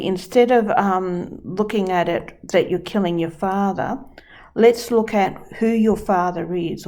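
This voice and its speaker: A woman's voice: mid-range voice, warm tone. A woman teaching dream work who talks through a client example step by step. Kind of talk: explaining a dream-work session.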